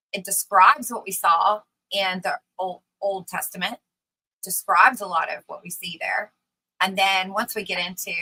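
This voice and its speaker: Bright-voiced woman explaining ideas excitedly. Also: mid-range voice, rough recording. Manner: animated, emphatic, trails off into asides. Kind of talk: casual conversational explanation.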